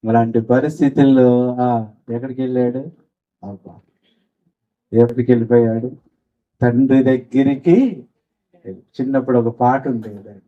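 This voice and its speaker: A man preaching a sermon, telling stories with acted voices and breaking into slow sung hymn lines. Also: mid-range voice, steady tone. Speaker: pastor. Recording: dull lo-fi sound.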